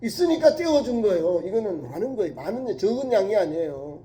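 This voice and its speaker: A male pastor preaching a sermon, telling a story with emphasis and dropping from loud to hushed. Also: high voice, very animated, fast. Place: church sanctuary. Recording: echoey church hall.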